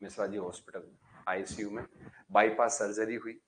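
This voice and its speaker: Lively male lecturer telling a story. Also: fairly low pitch, brisk. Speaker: engineering lecturer.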